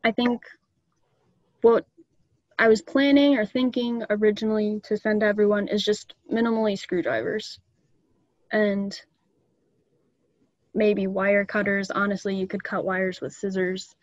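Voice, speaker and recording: A woman's voice: medium pitch, little pitch movement, a little slow, pauses often, no echo, lo-fi sound. A young woman casually explaining things to a club meeting, chatty and loose with ums and small laughs, over a video call. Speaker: student club presenter.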